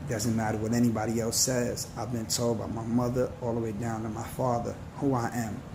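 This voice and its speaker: A man in his forties gives an earnest, slangy motivational talk, leaning on scripture and street talk as he goes. His voice is gravelly and sits at an ordinary pitch. The recording has a clear layer of background noise behind him. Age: 40s. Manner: earnest, preachy, slangy and slow. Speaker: vlogger.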